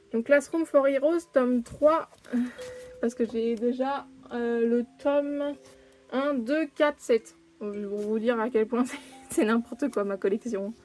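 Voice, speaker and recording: A woman's voice: fairly high pitch, darkish tone. A young woman chatting casually at home while unboxing manga, rambling and breaking off her own sentences. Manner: chatty, rambling, self-interrupting with many "hein". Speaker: manga collector vlogger. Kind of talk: casual unboxing chat to camera. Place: home room near her desk.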